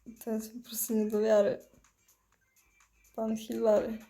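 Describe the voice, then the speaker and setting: A stoned woman, high on weed, giving dazed, giggly, foul-mouthed rambling commentary while gaming. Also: monotone, a little slow, mellow, soft background music. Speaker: mobile game player. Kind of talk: casual gameplay commentary.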